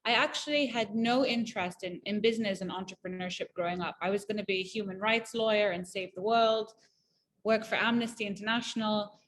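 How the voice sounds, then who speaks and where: Medium in pitch and fairly quick, the woman talks as a guest in a relaxed interview. An entrepreneur from Malawi in her thirties, she's chatty and upbeat, often restarting sentences and using fillers.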